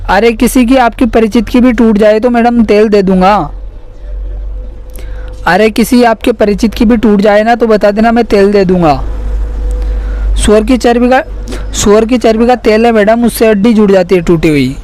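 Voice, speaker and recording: A man's voice: sits high, normal speed, darkish tone. A man making a prank phone call, insistent and mock-earnest, addressing the listener as madam in almost every sentence. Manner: insistent, repeats "madam" constantly. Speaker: prank caller.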